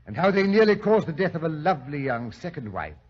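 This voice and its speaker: Fussy british doctor, highish husky voice, bit flustered, old muffled radio drama. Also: male voice, very animated, fast. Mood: musing. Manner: hesitant, fussy, genteel. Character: genteel, flustered British doctor, loyal storyteller. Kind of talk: 1940s radio acting. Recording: dull lo-fi old radio recording.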